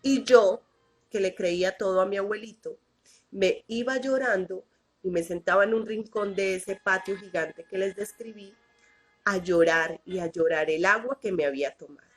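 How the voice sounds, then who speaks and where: A woman telling a children's story in an expressive, animated way, stretching out repeated words. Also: medium pitch, soft background music. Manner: expressive, animated, drawn-out repetitions.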